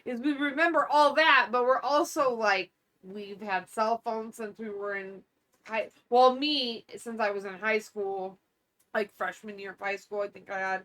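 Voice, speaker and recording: A woman's voice: a little high, fairly even intonation, measured pace, fairly bright tone. A woman in her late thirties co-hosting a podcast, talking in a rambling, casual way with lots of fillers and trailing sentences. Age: 30s. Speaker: podcast co-host. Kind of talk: casual chat.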